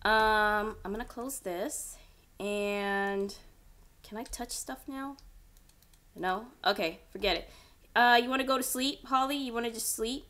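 A woman gives running commentary over a horror game. Her voice is crisp and bright, sitting a little higher than most. She chats and scolds her character out loud, and at tense moments she drops into a whisper. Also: unhurried. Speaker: gaming channel host.

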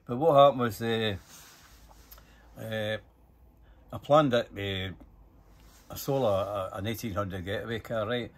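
An older Scottish man tells casual anecdotes, swearing freely and acting out the dialogue in an animated way. His voice is lowish and slow, with frequent pauses.

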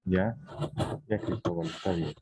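A man's voice: low voice, fairly even intonation, measured pace, warm tone, breathy edge, no room sound. A man teaching a university class online, explaining plans and checking in with the students often. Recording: noisy class recording.

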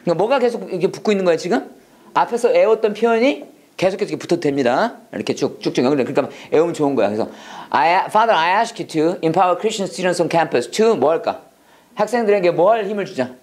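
A medium-pitched instructor teaches prayer-English in a classroom, his voice swooping across a wide, expressive range as he keeps firing questions at students and pushes them to repeat each line. Lively and coaxing, he alternates casual Korean explanation with slow, deliberate English model phrases in a call-and-response lecture.

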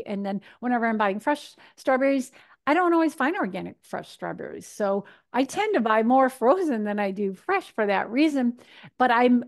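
A woman in her fifties from Michigan, a nutrition speaker answering questions in a chatty, animated way over a video call from her home kitchen. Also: fairly high pitch. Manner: chatty and animated, gesturing, acts out her own thoughts. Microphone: video call webcam.

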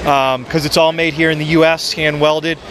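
A man in his forties giving an upbeat sales pitch for his product on a handheld mic, with frequent ums, in a busy expo hall. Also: level tone, normal speed, a bit bright. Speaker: photo booth maker. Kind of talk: trade show product pitch. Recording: noisy trade show floor.

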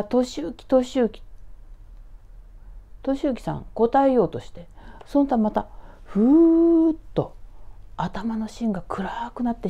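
A woman from Tokyo telling a true ghost story in a slow, hushed voice that often slips into a whisper. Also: a little high. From Tokyo, Japan. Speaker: ghost story author and narrator.

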